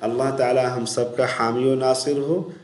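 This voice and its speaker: A man teaching Quran recitation, giving quick explanations between slow, drawn-out chanted words. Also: mid-range voice, little pitch movement, darkish tone, echoey room. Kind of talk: recitation lesson.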